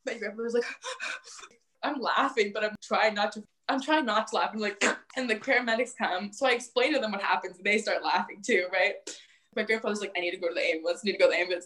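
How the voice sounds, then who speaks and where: Animated young woman telling a story. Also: mid-range voice. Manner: animated, filler-heavy, acts out quoted voices. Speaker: podcast guest. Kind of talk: casual storytelling.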